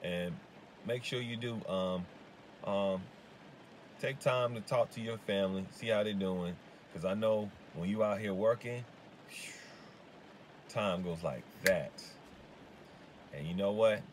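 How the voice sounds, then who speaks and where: A man who owns a lawn care business, giving casual advice in a vlog and talking in a halting way full of fillers and restarts. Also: on the low side, a little hiss or hum.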